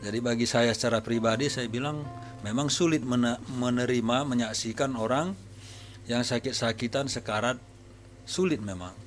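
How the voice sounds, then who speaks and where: A man preaching to his congregation as a pastor, telling anecdotes from his visits in a relaxed, conversational way. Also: mid-range voice, normal speed, faint music behind. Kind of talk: sermon testimony to a congregation. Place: church service.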